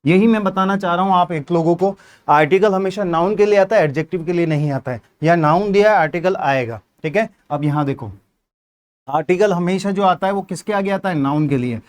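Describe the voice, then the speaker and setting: Man, high voice, Hindi accent, exam-prep teacher, step-by-step questions and answers. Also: a little fast. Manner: explains step by step, asks questions and answers them himself. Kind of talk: exam-prep grammar lesson.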